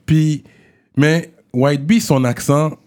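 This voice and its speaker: Québécois interviewer asking questions. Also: male voice, on the high side, steady tone, takes it slowly, darkish tone. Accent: Québécois French. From Quebec, Canada. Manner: conversational, hesitant questioning. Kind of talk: casual interview.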